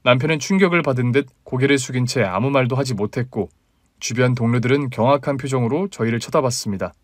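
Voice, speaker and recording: Male storyteller, steady scripted reading, mid-pitched voice, close dry recording. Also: fast, no echo. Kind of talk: scripted first-person story narration.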